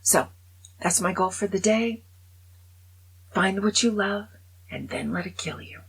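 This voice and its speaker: In a low-quality recording, a woman in her seventies vlogs to camera in a chatty, rambling way, teasing herself with self-mocking humor. Her medium-pitched voice has lively intonation, vocal fry and a breathy edge, and she speaks a little slowly.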